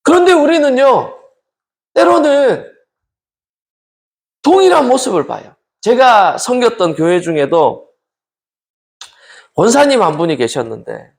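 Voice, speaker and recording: A man leads a midweek Bible study as a pastor, preaching and turning often to his listeners with questions. His voice sits high and swings widely in pitch, rising and falling with emphasis. He sounds animated and engaged as he addresses the congregation. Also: unhurried, vocal fry, long pauses.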